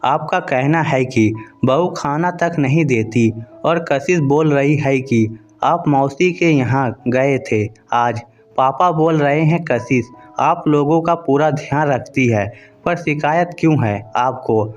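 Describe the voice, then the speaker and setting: A man voicing an angry young husband who shouts accusations at his wife. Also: medium pitch, slow pace, muffled recording, soft background music, close to an everyday voice. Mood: hurt.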